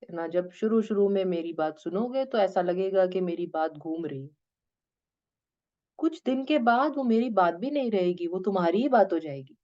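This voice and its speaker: A woman teaching a spiritual discourse to her students, gently coaxing them and slipping English phrases into her talk. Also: mid-range voice, lively intonation, normal speed, dull audio. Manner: gentle, coaxing, addresses listeners as "beta".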